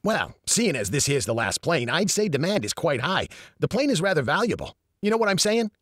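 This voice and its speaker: A man's voice: big pitch swings, a little fast, a bit bright, no room sound, clean studio sound. A man voicing a greedy, sleazy heavyset male gold dealer with a New York accent, pushing a hard bargain. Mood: wheeling-dealing. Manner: pushy sales-pitch bargaining.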